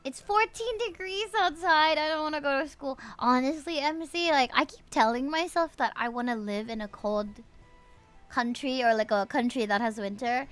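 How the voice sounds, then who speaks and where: A woman with a high, slightly bright voice livestreams a video game at a normal speed, with music behind her. She chats casually and exclamatorily with viewers and reads the game's dialogue aloud.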